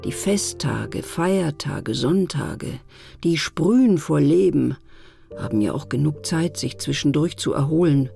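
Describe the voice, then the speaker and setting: A woman voicing a weary, gloomy male Weekday in a storybook, with a subdued, sighing delivery and a husky voice. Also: deep voice, lively intonation, a little slow, mellow, soft background music, pitched below the performer's own voice, full character voice. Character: weary gray male Weekday personified, gloomy, self-pitying.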